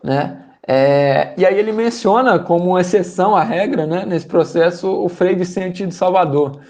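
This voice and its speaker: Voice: medium pitch, a little slow, darkish tone. A speaker with a Brazilian accent summarizing a book for a study group, hesitant, with many fillers and repeated words.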